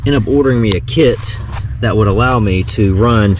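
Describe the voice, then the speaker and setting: Working inside a vehicle with clear background noise around him, a man demonstrates a car radio install as a vlogger. He talks through it in a relaxed, folksy way, thinking out loud, with a lowish, slightly mellow voice at a moderate pace.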